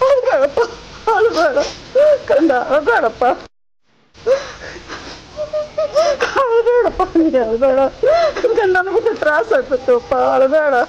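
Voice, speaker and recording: A woman's voice: high voice, sing-song, moderate pace, lo-fi sound, noisy background. An actress playing a tender old village mother who consoles her son, crying as she soothes him. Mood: tearful, soothing. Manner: soothing, tearful pleading.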